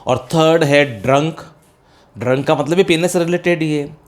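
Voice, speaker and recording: Indian male English teacher, middle-aged, fairly high voice, patient step-by-step explaining, quizzes students. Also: moderate pace. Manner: explains step by step, addresses students as beta, asks and answers own questions. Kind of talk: classroom-style spoken English lesson.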